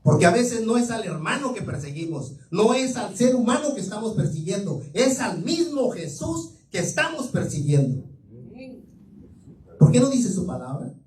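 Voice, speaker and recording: A male preacher with a high voice that swoops up and down as he tells a story with fervent, dramatic emphasis. He is recorded from a distance in a roomy, echoing church, so his words ring off the walls. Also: very animated, moderate pace, a little mellow. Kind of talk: sermon. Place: church sanctuary. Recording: echoey room, mic far off.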